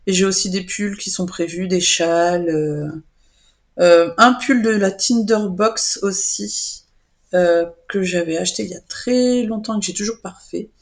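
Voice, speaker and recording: A woman's voice: mid-range voice, measured pace. A young woman chatting casually to her viewers about her knitting and crochet projects, rambling with frequent hesitations and self-corrections. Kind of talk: casual chat to camera.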